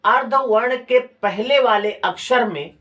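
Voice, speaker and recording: In a classroom lecture, a male teacher with an Uttar Pradesh Hindi accent repeats key phrases and keeps quizzing his students with questions. His voice is very high, slow, and sharp.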